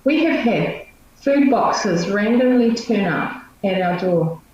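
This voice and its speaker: A middle-aged woman with a New Zealand accent, a missionary guest, tells personal stories informally in a chatty, emphatic way. Her medium-pitched voice is animated, slightly mellow and unhurried. The recording sounds echoey, muffled and distant, with faint noise.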